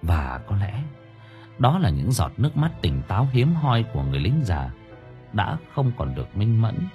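A man reading a story aloud as an audiobook narrator in expressive, scripted narration. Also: fairly low pitch, normal speed, faint music behind.

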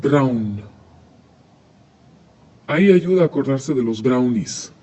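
A man co-teaching an audio language lesson, slowly modeling words for the listener to repeat. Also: mid-range voice, animated, mellow, husky. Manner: slow, modeling words for repetition.

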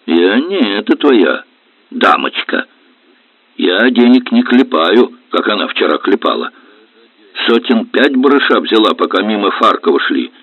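A man voicing a gruff, grumbling middle-aged helmsman with rough, mocking speech, read for a storybook. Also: lowish voice, animated, a little slow, no echo. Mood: resentful. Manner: sullen, mocking, rough colloquial. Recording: tinny dry lo-fi audio.

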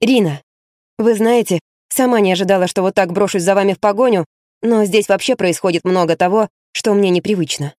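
An awkward, impulsive young woman, voiced by an audiobook narrator, speaking hesitantly in a quiet, unsure way. The recording is close and dry, with no room sound around the voice. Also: medium pitch, brisk, dry recording, natural voice.

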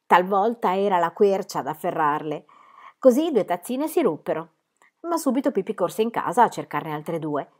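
A woman reading a children's story aloud in an expressive, lively way. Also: lowish voice. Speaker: reader.

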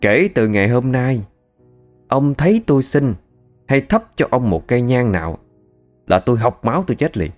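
A man's voice: lowish voice, normal speed, pauses often, faint music behind, natural voice. A man voicing a middle-aged, foul-mouthed, greedy female moneylender who curses and scolds harshly. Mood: defiant.

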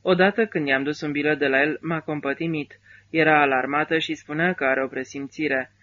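A man's voice: on the high side, fairly even intonation, bright, forceful tone, highs cut off. A man reading a weary, bitter army driver. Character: grieving middle-aged male army driver.

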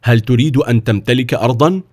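A man's voice: medium pitch, fast, a little mellow, natural voice. A man voicing a wealthy count and father, exclaiming and insistent as he presses his offers.

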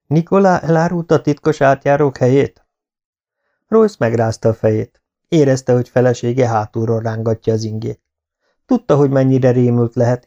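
Gravelly, dark-voiced male audiobook narrator. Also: lowish voice, lo-fi sound. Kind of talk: scripted narration.

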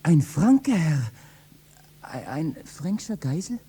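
An actor playing a bold, teasing young kitchen boy in a 1960s radio play, speaking classic verse with lively mockery. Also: a little high, takes it slowly, slightly rough, full character voice. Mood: startled. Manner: lively, mocking, bursts into loud shouting.

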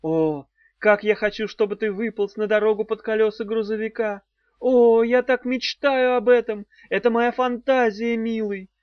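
A man voicing a young woman sorceress who taunts with mock-passionate, breathy sighs, in a dull, dry recording. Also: sits high, fairly even intonation, normal speed, no echo, voice pushed up, lightly acted.

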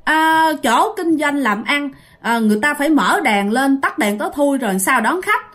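A woman's voice: high-pitched, lively intonation, moderate pace, a bit bright. A woman voicing a weary middle-aged male manager who scolds in blunt questions. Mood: scolding.

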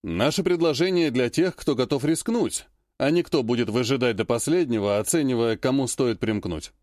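A man narrating a fantasy audiobook and voicing each character with changes in pitch and pace. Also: moderate pace, darkish tone, dry recording, clean studio sound. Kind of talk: audiobook reading with character voices.

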